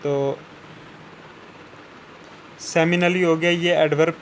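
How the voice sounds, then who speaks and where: A man teaching English vocabulary, explaining each word in Hindi. He keeps checking with "theek hai na" and slows down to read out the English definitions. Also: on the high side, steady tone, slight background noise, rough recording. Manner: repeats "ठीक है ना" after each point, slows down for English definitions.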